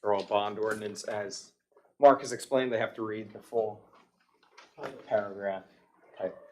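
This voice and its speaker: An American man chairs a township meeting in a public meeting room, formally and procedurally reading long ordinances, motions, and legal text aloud. His voice is lowish and steady, unhurried, with slight background noise.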